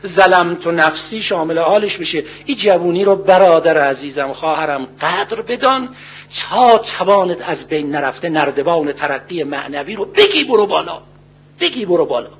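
An older man giving a religious sermon, earnest and full of rhetorical questions, slowly reciting Arabic verses. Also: on the high side, slightly rough. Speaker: cleric.

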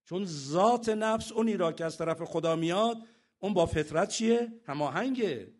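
High-voiced man preaching a sermon. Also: expressive, a little mellow. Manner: rhetorical questions, chants scripture slowly.

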